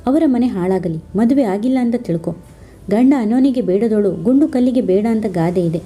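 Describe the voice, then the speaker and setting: A woman's voice: medium pitch, normal speed, dark tone, a little hiss or hum, close to an everyday voice. A woman voicing an angry, outspoken sister-in-law who scolds and rants in a storybook reading. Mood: scolding. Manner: scolding, ranting.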